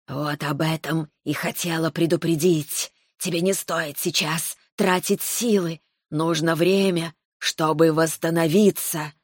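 A woman's voice: on the low side, moderate pace, hardly any pauses, a bit bright, slightly rough, no room sound, clean studio sound. A woman voicing a reproachful female mist monster in an audiobook.

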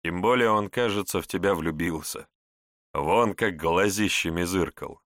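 A man voicing a calm young prince who speaks in an instructive, wry way in an audiobook. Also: low-pitched, measured pace, dry recording, clean studio sound.

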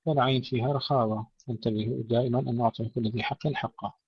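A man's voice: medium pitch, steady tone, husky, no room sound. Guy teaching quran recitation rules, mid voice, dry muffled lo-fi recording, stretches out the examples. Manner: explains pronunciation slowly, then recites each example drawn out. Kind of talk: tajweed lesson with recited examples.

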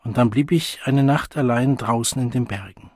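A man reading the part of a lonely, wounded young outcast who confides in a hushed, searching way. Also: mid-range voice, normal speed, breathy edge, no room sound, clean studio sound, lightly acted. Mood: confiding.

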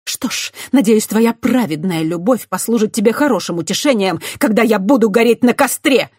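An audiobook reader voicing a proud, defiant condemned witch woman who speaks in shrill, fierce outbursts. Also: unhurried, warm tone, breathy edge, no room sound, clean studio sound. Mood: scornful. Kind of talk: audiobook character voice.

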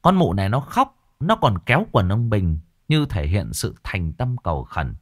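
A man narrating a ghost story in a folksy, animated storytelling manner. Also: lowish voice, moderate pace, no echo, clean studio sound.

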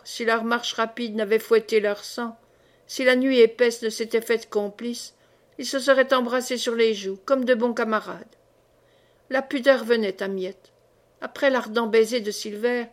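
A woman reading a classic novel aloud as audiobook narration, in a calm, measured and expressive way. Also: on the high side. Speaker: audiobook reader.

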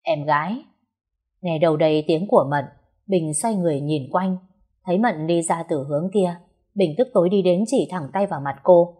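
A woman's voice: fairly low pitch, a little fast, dark tone, husky. A woman narrating a dramatic story in a scripted way.

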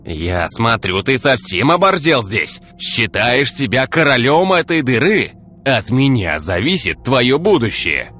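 A man's voice: mid-range voice, very animated, unhurried, sharp tone, soft background music, pitched above the performer's own voice. A man voicing an arrogant young ministry officer with a rude, haughty, raised tone.

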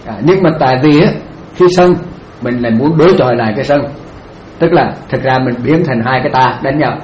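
A male Buddhist monk giving a dharma talk, answering a question gently, repeating his phrases and laughing now and then. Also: mid-range voice, brisk. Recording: echoey room, faint noise.

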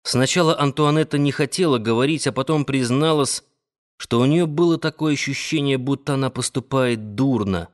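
Guy reading a literary audiobook, mid-pitched voice, calm and measured. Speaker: audiobook narrator.

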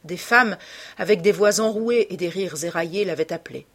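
A woman narrating a classic novel in a measured, hushed storytelling manner, with a husky voice. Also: fairly low pitch. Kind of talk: literary audiobook narration.

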